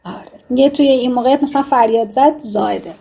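A woman's voice: fairly high pitch, gravelly, warm tone, a little hiss or hum. A woman teaching fiction writing in a casual, chatty way, wandering off into joking asides. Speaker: writing instructor.

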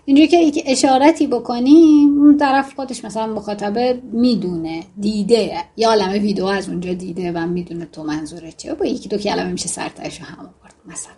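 A woman's voice: medium pitch, few pauses, warm tone. A woman teaching fiction writing in a casual, chatty way, wandering off into joking asides. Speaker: writing instructor.

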